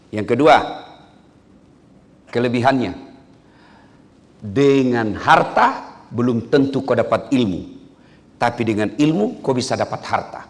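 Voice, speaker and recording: A man preaching a humorous sermon to an audience, acting out stories with shouted voices. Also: medium pitch. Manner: lively, joking, acts out stories with shouted voices. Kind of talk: humorous sermon to civil servants. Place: hall with an audience. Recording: echoey hall.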